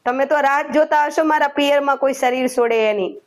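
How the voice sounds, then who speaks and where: A woman voicing a tearful, upset young wife in a spoken story, pleading with her husband in a high, whiny tone. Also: a little fast, natural voice.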